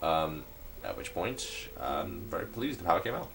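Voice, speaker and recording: A man's voice: low voice, big pitch swings, moderate pace, fairly bright tone, a little hiss or hum. A young man casually narrating his game building, rambling with lots of fillers and hesitations. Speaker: gameplay video maker.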